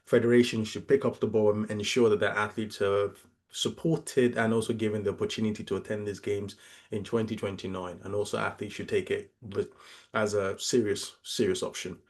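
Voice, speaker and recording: A man, a guest on a casual podcast, talking in a relaxed, teasing and earnest way. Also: on the low side, fairly quick.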